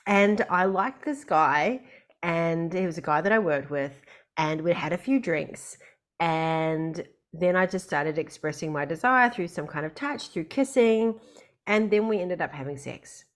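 A woman's voice: lowish voice, a little slow. A woman hosting a podcast in a conversational way. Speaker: podcast host.

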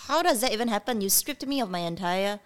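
A woman in her thirties, a native Cantonese speaker, talks fast in a smooth, mid-range voice. As a podcast guest, she candidly recounts her childhood in an animated life-story interview, with plenty of fillers.

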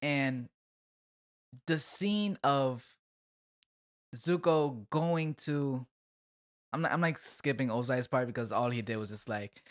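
A woman's voice: extremely low pitch, slow pace, pauses often. A young woman co-hosting a casual podcast, chattily recapping scenes and playfully quoting the characters. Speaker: podcast co-host. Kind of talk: casual chat.

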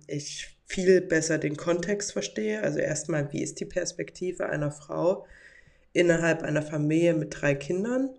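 Gravelly-voiced woman podcast host. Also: low voice, a little mellow. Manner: reflective, reads follower messages aloud. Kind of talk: casual monologue.

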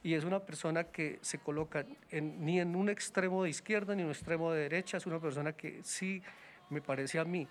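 A man's voice: on the high side, steady tone, a little fast, slight background noise. Hesitant man talking politics. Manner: hesitant, many restarts and fillers, critical. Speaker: political guest. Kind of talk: casual political talk.

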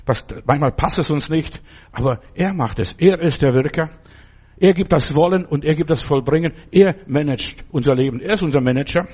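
A man preaching in a loose, chatty way, speaking directly to his listener like a friend and checking often that he is understood. His voice sits a little high for a man and has a husky, slightly rough edge. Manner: conversational, keeps asking "verstehst du?". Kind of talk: informal sermon with personal stories.

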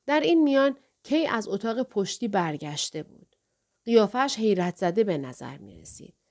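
A woman reads a novel aloud in a measured, steady storytelling voice. Her pitch sits in the middle range. The delivery is an even, scripted audiobook narration.

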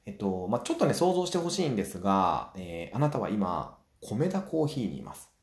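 Guy hosting a solo talk show, chatty, talks fast and acts out little scenes, lots of filler sounds. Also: fairly low pitch, very animated, darkish tone, roomy sound. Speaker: podcast host.

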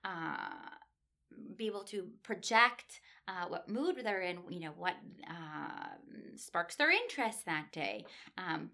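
A woman language instructor with a bright voice speaks at a panel. She answers thoughtfully and hesitantly, with many fillers and restarts. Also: medium pitch. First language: English.

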